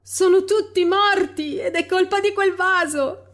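A woman voicing a panicked young woman in an audio horror story, shouting in a frantic, shrill way. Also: unhurried. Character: panicked young woman fleeing a deadly family party. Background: faint dark ambient music.

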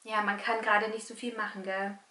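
A woman in her thirties with a bright voice, talking to young children and a puppet as host of a singing session. She is recorded in a living room from a few steps away, with a roomy sound. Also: medium pitch, little pitch movement, fairly quick, recorded from a distance. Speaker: children's music educator and host. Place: small living room, indoors. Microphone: camera a few steps away.

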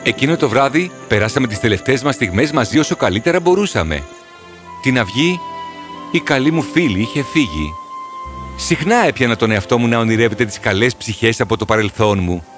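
A man voices an earnest horse storyteller in a storybook cartoon, his medium-pitched voice animated yet close to how he'd normally speak. The mood is sorrowful and reflective, with music in the background.

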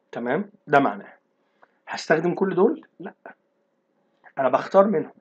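Egyptian man teaching, husky lo-fi voice. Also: a little high. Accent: Egyptian Arabic. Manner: explains in colloquial Arabic, repeats English phrases slowly. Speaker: English teacher. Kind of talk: casual online lesson. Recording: dull lo-fi recording.

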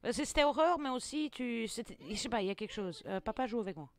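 A woman's voice: a little high, quick pace. A young woman giving let's play commentary with lots of exclamations, jokes and laughter. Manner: expressive, exclaiming, jokey, laughs often. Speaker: gaming video creator.

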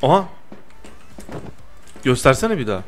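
A young man doing lively gameplay commentary, teasing his friend and protesting loudly to his viewers. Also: mid-range voice, a little slow, music in the background. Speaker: gaming YouTuber.

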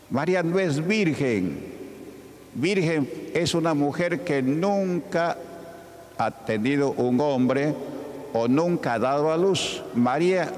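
A man's voice: mid-range voice, a little mellow. Man preaching in an echoing church. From Peru. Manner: calls out rhetorical questions to the congregation, acts out voices of Bible figures. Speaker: pastor. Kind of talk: sermon. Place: church hall. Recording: reverberant church hall with faint ambient noise.

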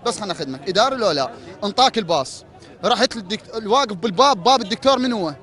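A man's voice: high-pitched, animated, very fast, fairly bright tone, a faint crowd. A man with an Iraqi accent speaking outdoors at a street protest, pleading and repeating rhetorical questions as a hospital administrative worker. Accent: Iraqi Arabic. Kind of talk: impassioned street protest speech.

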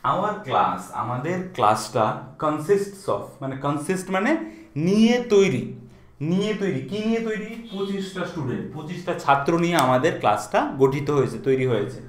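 A man's voice: a little high, sing-song, normal speed, roomy sound. A male teacher giving a patient grammar lesson, checking in often with his students. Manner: explains patiently, checks in with repeated questions. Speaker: English teacher.

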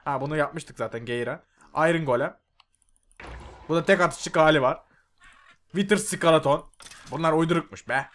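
A young man giving loud, excitable gameplay commentary, swearing and yelling at the mobs on screen. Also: fairly high pitch, normal speed, pauses often. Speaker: gaming YouTuber. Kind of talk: Minecraft mod review commentary.

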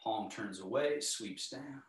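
A middle-aged man teaching tai chi, giving calm, serene, step-by-step movement cues in a measured way. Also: on the low side. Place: indoor home living area. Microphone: camera across the room. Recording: echoey room, distant microphone.

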